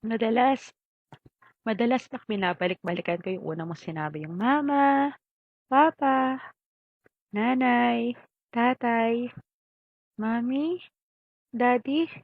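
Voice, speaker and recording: Husky middle-aged mother, tender and pleading. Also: a little high, animated, slow, pauses often, dry recording, phone-quality sound. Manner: tender, pleading, with rhetorical questions. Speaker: mother addressing her child. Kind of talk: heartfelt spoken letter.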